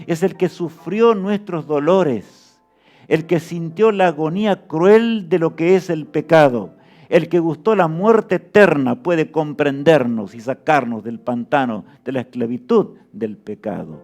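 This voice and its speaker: A man's voice: fairly high pitch, a little slow, a little mellow, soft background music. A man preaching a sermon with fervor, often asking his listeners rhetorical questions.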